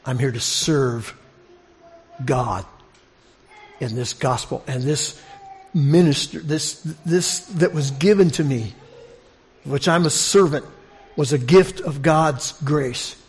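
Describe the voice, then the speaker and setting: Speaking slowly and pausing often, this man has a fairly high-pitched voice. He preaches a conversational expository sermon to his congregation, putting questions to them and repeating phrases to drive points home.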